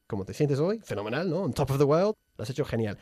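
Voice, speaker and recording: A man's voice: mid-range voice, big pitch swings, quick pace, a little mellow, dry recording. A man hosting an upbeat bilingual radio English lesson, who laughs often and drills pronunciation in a studio. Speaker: English teacher and host.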